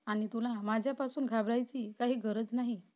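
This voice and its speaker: In a storybook reading, a woman plays an obsessive, possessive young man who veers between pleading and threatening with real intensity. Her voice is on the high side and a little mellow, with a steady tone and moderate pace, close to how she'd normally talk.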